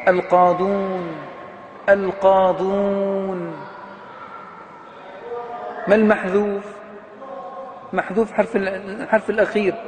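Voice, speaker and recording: High-voiced man lecturing in a reverberant hall. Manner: poses questions to students and answers them himself. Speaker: grammar professor. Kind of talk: classroom lecture. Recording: long hall reverb with faint background noise.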